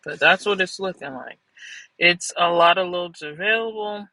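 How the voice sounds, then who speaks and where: A woman's voice: fairly low pitch, normal speed, pushed and bright, no echo, poor audio. A woman hosting a trucking channel, chatting casually to viewers in a loose, rambling way and correcting herself as she goes. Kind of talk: casual vlog chat to viewers.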